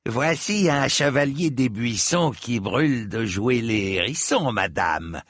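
A man's voice: mid-range voice, lively intonation, takes it slowly, fairly bright tone, no room sound, studio quality, full character voice. A man voicing a cocky, cruel soldier who sneers as he speaks, in an audiobook reading. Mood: mocking.

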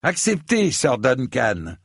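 A man voicing a bruised, defiant young knight in an audiobook, pitched high and resentful. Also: huge pitch swings, takes it slowly, vocal fry, dry recording, clean studio sound, heavily acted. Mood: bitter. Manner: sharp, resentful.

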